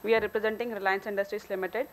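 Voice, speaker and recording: Speaking from a podium on stage in a hotel conference hall, a female company engineer with an Indian accent gives a formal technical case study presentation. Her medium-pitched voice stays fairly even and races along, with slight background noise.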